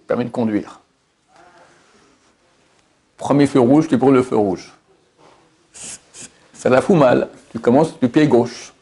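Male preacher, fervent sermon delivery, gravelly texture, rhetorical questions to the room. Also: slow pace, pauses often, dark tone. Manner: impassioned, rising to high emphatic peaks; addresses listeners directly, rhetorical questions. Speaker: rabbi giving a Torah lesson.

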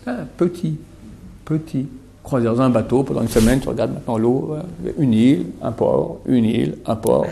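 Middle-aged male religious teacher, gravelly and mellow, emphatic sermon delivery. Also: mid-range voice, a little fast, hardly any pauses, slight background noise. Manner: emphatic, repetitive, swings from loud to murmured. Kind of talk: sermon to a small audience.

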